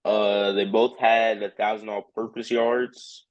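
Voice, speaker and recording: A young man, the host's son, giving short low-key answers in a casual sports chat over a call. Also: flat delivery, slow, no room sound, lo-fi sound. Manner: terse, low-key replies. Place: remote call.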